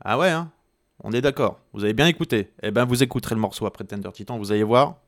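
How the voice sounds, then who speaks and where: A man's voice: medium pitch, fast, no room sound, studio quality. A man hosting a radio music show, talking casually and jokingly about a band's songs, with plenty of hesitations and asides. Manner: chatty and joking, with many hesitations. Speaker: radio host.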